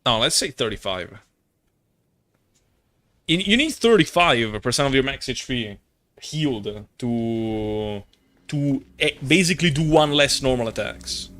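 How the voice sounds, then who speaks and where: A very animated young man with a mid-range, slightly bright voice takes his time chatting on a gaming live stream. His casual talk is rambling and slangy, with playful exasperation and a tendency to swear.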